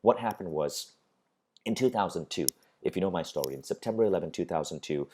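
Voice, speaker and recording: Brisk and animated, the low, warm voice of a middle-aged Malaysian instructor carries a motivational talk recorded for an online course, with a little hiss or hum underneath. He speaks earnestly, building each point through repeated phrases.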